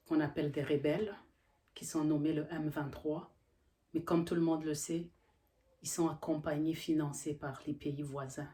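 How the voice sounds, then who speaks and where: A woman's voice: sits low, mellow. A woman from Congo in middle age, a health professional, speaking earnestly with frequent hesitations. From Democratic Republic of the Congo. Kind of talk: earnest educational monologue.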